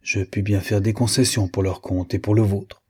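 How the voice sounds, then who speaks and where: A man voicing a vain, fussy wealthy gentleman who talks in a pompous, condescending way. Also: on the low side, flat delivery, moderate pace, husky.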